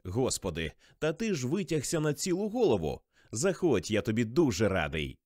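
A man's voice: mid-range voice, wildly swooping pitch, moderate pace, a little mellow, no echo, studio quality. A man reading aloud and voicing a jovial, slightly tipsy middle-aged male teacher who jokes a lot. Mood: hearty, joking. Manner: joking, expansive.

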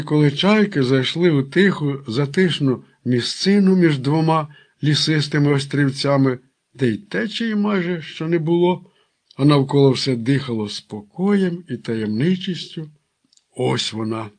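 A man narrates a storybook tale at an easy pace. His voice sits a little higher than most men's, and he gives the characters a light touch of their own voices when they speak. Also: animated, a little slow, a little mellow. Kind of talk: audiobook narration with character quotes.

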